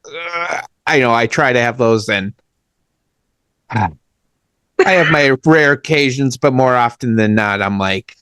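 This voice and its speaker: An easygoing man from Minnesota hosting a casual podcast chat, poking fun at himself. His voice sits in a middle pitch, and the recording is dry and close. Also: measured pace, pauses often, fairly bright tone, smooth, no echo. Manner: easygoing, self-deprecating, laughs. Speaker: podcast host.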